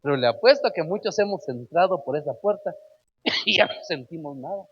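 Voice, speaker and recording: A man's voice: fairly high pitch, expressive, fairly quick, a bit bright, slightly rough, dull audio. A man preaching a sermon emphatically. He keeps addressing his listeners as brother and asks them rhetorical questions.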